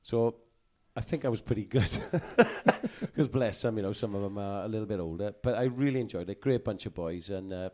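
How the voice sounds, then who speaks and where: Man, 40s, podcast host, lowish voice, jovial storyteller. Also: darkish tone. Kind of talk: casual podcast chat.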